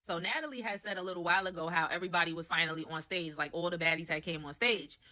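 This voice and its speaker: Brief: young woman, quick and bright, gossipy reality-show recapper, slangy, opinionated. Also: on the low side.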